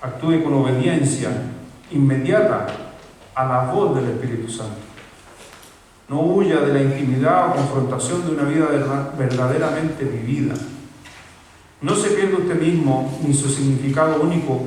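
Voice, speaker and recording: A man's voice: mid-range voice, moderate pace, a little mellow, a little hiss or hum. A man preaching a sermon as a pastor, talking conversationally and putting questions to his congregation. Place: church hall. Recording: echoey church hall from far off.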